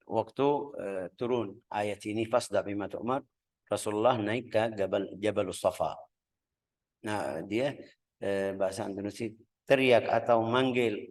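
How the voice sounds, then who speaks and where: Guy from yemen teaching a religious class, lots of ums, acts out the story lively. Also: mid-range voice, rough recording. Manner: hesitant, with many filler sounds while searching for words; animated storytelling that acts out calls and dialogue. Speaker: Islamic studies teacher. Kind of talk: religious lesson on the Prophet's life, with Arabic recitation.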